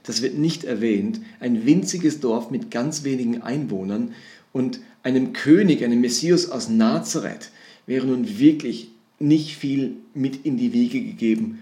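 A man's voice: medium pitch, unhurried. A man preaching a sermon, explaining scripture and acting out quoted dialogue with animation. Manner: expository, with lively quoted dialogue. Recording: roomy echo.

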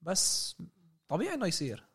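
A man's voice: sits high, wildly swooping pitch, fairly quick, fairly bright tone, slightly rough. A man with a Palestinian Arabic accent giving casual sports analysis as a podcast panelist.

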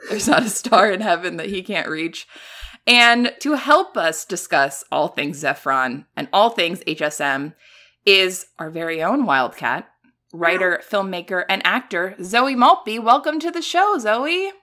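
A woman co-hosting a podcast in casual, playful chat, quick with jokes. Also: mid-range voice, expressive, bright, forceful tone. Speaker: podcast co-host. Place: home recording setup.

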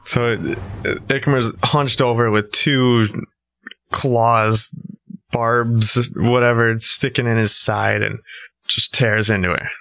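A man's voice: medium pitch, little pitch movement, takes it slowly, fairly bright tone. A man playing a tabletop role-playing game, casually describing his moves, with music behind him. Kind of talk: casual play and action narration.

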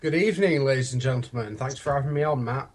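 A man's voice: mid-range voice, quick pace, husky. A man with a British accent chatting casually as a guest on a podcast. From Britain. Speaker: podcast guest, toy reviewer. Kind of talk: casual chat.

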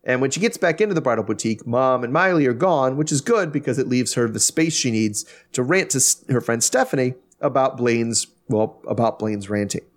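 Brief: man, mid-pitched, podcast host, wry and animated recap chat. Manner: animated, wry, with many restarts.

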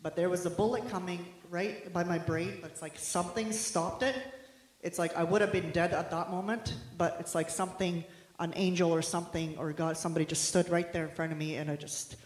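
A woman. She speaks haltingly and earnestly into a handheld microphone, with clear echo from the room around her. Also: on the low side, steady tone. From Bosnia. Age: 30s. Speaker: congregant giving testimony. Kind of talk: personal testimony to a congregation.

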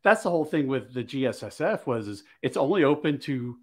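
Man telling a lively story on a podcast. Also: medium pitch, fairly quick. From Maryland. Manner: animated storyteller acting out quoted dialogue. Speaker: podcast host. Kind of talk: casual storytelling chat.

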